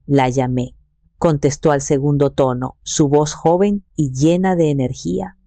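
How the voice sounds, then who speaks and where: Low, dark-voiced woman narrating. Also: normal speed, dry recording. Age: 60s. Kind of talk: first-person story narration.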